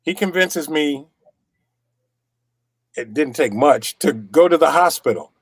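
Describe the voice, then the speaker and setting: A middle-aged man giving an animated personal testimony, repeating himself for effect and acting out the dialogue. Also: a little high, slow, breathy edge, dry recording, studio quality. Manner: animated, repetitive storyteller; acts out quoted dialogue. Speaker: testimonial guest. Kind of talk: personal storytelling.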